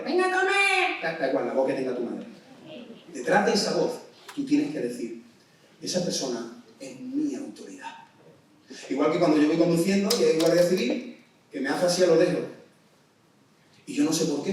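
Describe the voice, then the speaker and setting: A man with a Spanish accent preaching to young people at a summer camp, animated, acting out parents' orders in a raised voice. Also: fairly high pitch. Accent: Spain. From Spain. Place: large hall at a summer camp. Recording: echoey hall, voice from far off.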